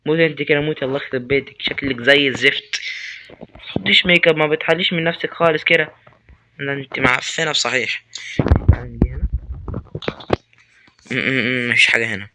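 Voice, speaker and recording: A young man with an Egyptian Arabic accent, giving loud, excitable commentary on a horror game and yelling at its characters. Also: mid-range voice, fast, pauses often, background noise. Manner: excitable, talks to game characters and swears at them. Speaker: gamer.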